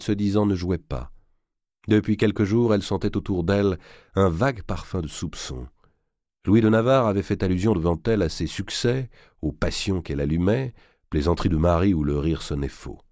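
A man narrating a historical novel as an expressive audiobook reader. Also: low voice, no echo, studio quality. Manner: expressive storyteller, varied delivery.

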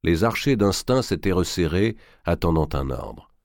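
Low-ish guy reading a historical novel, lively up and down, dry close sound. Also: normal speed, gravelly, no echo. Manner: expressive storytelling. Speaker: audiobook narrator. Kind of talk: dramatic audiobook narration.

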